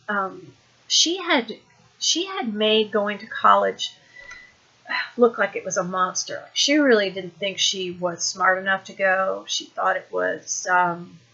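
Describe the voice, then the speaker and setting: A woman in her forties gives parenting advice in a casual, conversational way, often pausing with ums and restarting her sentences. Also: mid-range voice, bright, forceful tone. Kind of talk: casual advice talk to camera. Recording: dull, lo-fi recording.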